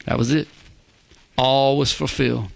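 Speaking in a steady, gravelly mid-range voice at an unhurried pace, a male pastor preaches through scripture verse by verse. He's emphatic, frequently asks the congregation "Amen?", and drops to a hushed whisper to stress a point.

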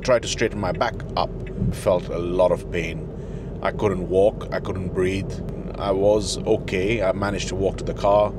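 A middle-aged man chatting to camera from a parked car into a handheld mic, halting with many fillers. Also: deep voice, background noise. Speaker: dad in a family gym vlog. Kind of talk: casual talk to camera. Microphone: handheld fluffy wireless mic.

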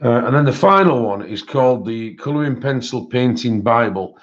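A man's voice: medium pitch, expressive, normal speed. A man who says w for r, chatting casually as he hosts an art livestream. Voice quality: cannot pronounce his R's properly, says w for r. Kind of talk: casual live-stream chat, showing colouring books. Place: indoors at a desk, overhead camera on hands. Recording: dull, lo-fi sound.

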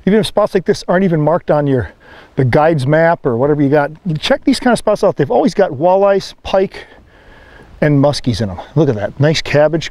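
A middle-aged man hosting a fishing show, talking outdoors on a lake boat with a lapel mic, excited as he coaxes and lands a fish. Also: a little high, dry recording. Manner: excited, coaxing the fish while landing it.

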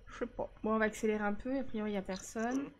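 A woman's voice: mid-range voice, steady tone, quick pace, slight background noise. A woman streaming a life-sim game, chatting casually and teasing her viewers. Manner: chatty, teasing, talks back to chat.

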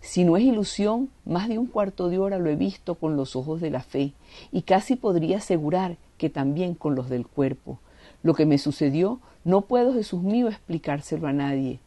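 A woman's voice: fairly low pitch, animated, normal speed, mellow, no echo. A woman giving a devotional reading and reflection, fervent and reverent, leaning on prayerful words.

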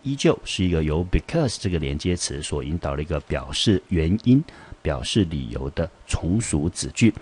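Low husky Taiwanese teacher explaining words. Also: male voice, mellow. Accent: Taiwanese Mandarin. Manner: methodical, repeats each term, reads English examples slowly. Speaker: English teacher. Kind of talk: vocabulary lesson.

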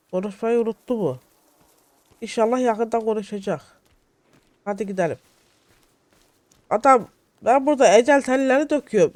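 Young male let's-play host, excitable and jittery, bright high register, dry close sound. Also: no room sound. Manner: excitable, shouting at game companions, jittery. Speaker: gaming YouTuber. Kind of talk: solo let's-play commentary.

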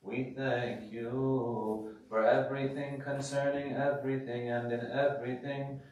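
Man, clergyman, slow chanted prayer, sung phrase endings, very echoey church, distant mic, faint hiss. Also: medium pitch, level tone, darkish tone. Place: large church sanctuary. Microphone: distant room mic.

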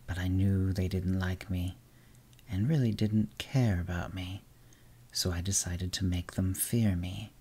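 Storybook whisper role: man as a bitter, ancient will-o'-the-wisp, hissing and scornful, low voice. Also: steady tone, measured pace, mellow, slightly rough. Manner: weary, scornful.

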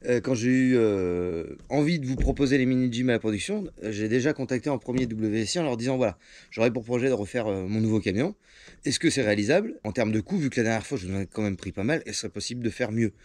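A young man talks fast through a casual vlog Q&A, answering his viewers directly. His voice is dark and mellow, and his speech is slangy and full of curse words, fillers and restarts. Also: mid-range voice, lively intonation, no echo. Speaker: self-employed truck driver and channel host.

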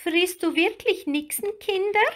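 A woman voicing a frightened little girl mermaid in a storybook reading, speaking high, trembling and sobbing. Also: animated, takes it slowly, fairly bright tone, full character voice.

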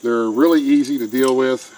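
In a steady, slightly mellow, mid-range voice at a moderate pace, a middle-aged man explains trap setting one step at a time in a plain, folksy style. He's a homesteader outdoors near a pen and a wooded creek, captured on a handheld camera mic close by. The recording is rough, with faint insect and cricket sounds.

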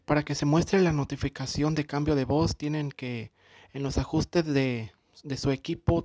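A man hosting a tech tutorial, explaining phone settings in a relaxed, conversational way. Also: medium pitch, no echo. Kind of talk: casual screen-recording tutorial.

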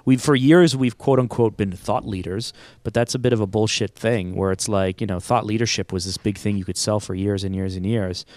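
A man's voice: lowish voice, fairly even intonation, a little fast, hardly any pauses, darkish tone, no echo. A man who owns an agency and hosts a podcast, answering in a casual, rambling way with frequent restarts and easy laughs. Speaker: agency owner and podcast host. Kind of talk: casual conversational interview answers.

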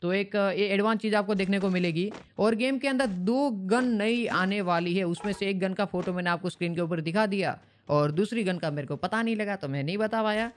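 A man's voice: sits high, fairly quick, slight background noise. A man hosting a casual gaming update vlog, chatty and colloquial, often rephrasing himself and calling his viewers brother and guys. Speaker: gaming channel host.

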